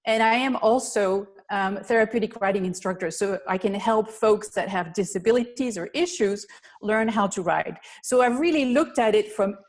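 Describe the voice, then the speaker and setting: A woman's voice: mid-range voice, normal speed. Belgian woman explaining on a webinar. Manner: earnest, explanatory, slightly non-native phrasing. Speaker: guest presenter, physical therapist.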